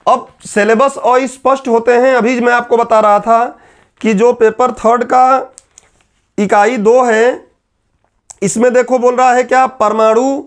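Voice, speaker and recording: A man with a very high voice teaching an exam-prep class. He explains each point step by step, often asking a question and then answering it himself. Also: flat delivery, measured pace.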